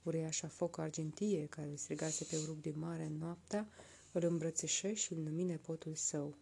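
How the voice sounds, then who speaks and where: A woman reading a folk tale aloud in a soft, slow, hushed narration. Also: sits low, steady tone, creaky, a little hiss or hum. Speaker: storyteller.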